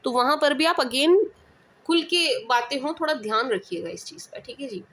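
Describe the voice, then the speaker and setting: A woman's voice: high-pitched, expressive, moderate pace, fairly bright tone. Emphatic Indian woman tarot reader. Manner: emphatic, repeats checks like "understand?"; affectionate pet names for listeners. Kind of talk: casual tarot reading to viewers.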